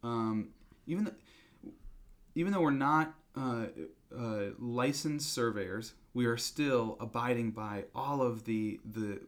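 With a medium-pitched voice, a man answers as his company's representative in a business interview, his explanations halting and conversational.

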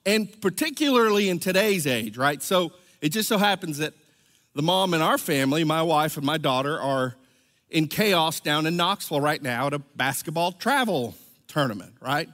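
A man's voice: on the high side, lively intonation, moderate pace, a bit bright. A middle-aged man, a church elder, preaching a conversational sermon and telling stories, often checking in with "right?". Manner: chatty storytelling, keeps asking "right?". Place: church sanctuary. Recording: long reverb of a large church hall.

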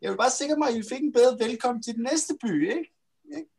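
A person playing a tabletop role-playing game, answering in character in a calm, apologetic way. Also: female voice, fairly high pitch, creaky, slightly rough. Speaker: player.

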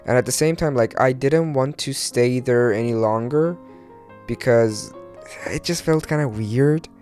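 A man's voice: medium pitch, unhurried, darkish tone, soft background music. A young man with a Turkish accent and imprecise R and L sounds, rambling casually and hesitantly on a solo podcast in English as a non-native speaker. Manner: rambling, hesitant, searching for words, mild swearing. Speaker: podcast host.

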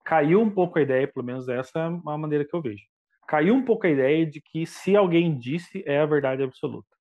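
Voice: mid-range voice, fairly quick, muffled recording. A teacher in casual podcast chat, talking animatedly and jumping into the voices of the people he quotes.

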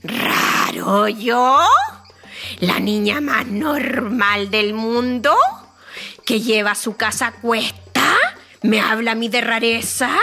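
A turtle girl flipped on her back, drawn-out calls for help that turn prickly and proud, as a woman plays her. The voice is high and bright with soft music faint behind, read like a storybook. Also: huge pitch swings, vocal fry, exaggerated voice. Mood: offended. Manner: pleading, then offended. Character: stuck female turtle on her back, pleading then prickly.

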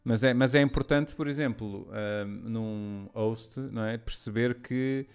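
Male, smooth clear voice, casual explanatory chat that keeps checking the listener agrees. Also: medium pitch, a little slow. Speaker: stand-up comedian. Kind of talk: casual conversation.

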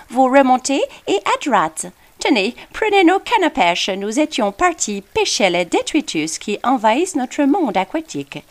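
A woman's voice: on the high side, pitched above the performer's own voice. A woman voicing a very polite male fish with whiskers, speaking French in a put-on English accent. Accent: mock English accent in French. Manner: overly courteous, prim.

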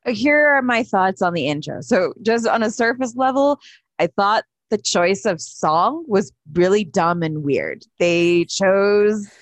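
A woman co-hosting a casual movie review podcast, opinionated and quick to get exasperated. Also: medium pitch, animated, dry recording. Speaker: podcast co-host.

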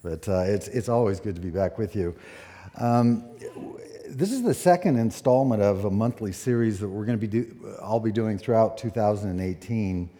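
A man in his sixties, a pastor preaching a sermon at a pulpit microphone, relaxed and conversational with many fillers. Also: lowish voice, moderate pace. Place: church sanctuary. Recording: echoey church hall.

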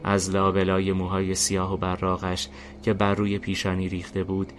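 A man narrating a fantasy story in a steady, deliberate reading style. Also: low voice. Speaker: narrator and host. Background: faint music.

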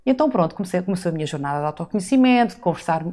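A woman's voice: on the low side, expressive, very fast, dark tone. A woman in her forties from the Azores, telling her life story as a guest in a casual interview, reflective and full of rhetorical asides. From Azores, Portugal. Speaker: podcast guest.

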